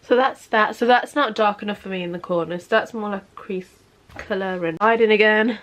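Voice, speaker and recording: A woman in her 20s, sniffly, runs through a makeup tutorial from her bed in a chatty, casual style, with "obviously" cropping up constantly. She is a makeup vlogger, and her mid-range voice has a fairly bright tone and a fairly quick pace.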